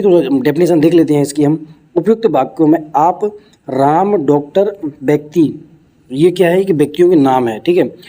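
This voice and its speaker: Young male tutor, Hindi accent, deep mellow tone, explains in small steps with rhetorical questions. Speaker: teacher. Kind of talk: exam-prep grammar lesson.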